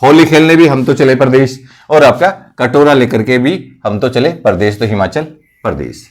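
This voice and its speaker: Speaking in a mid-range voice at normal speed, this male coaching teacher gives a mnemonic lesson for competitive exams. He asks his own questions, answers them, and repeats important words.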